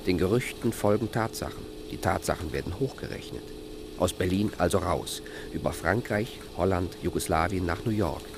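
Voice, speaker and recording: A man reading scripted documentary narration in a calm, measured, contemplative way. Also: deep voice, background noise.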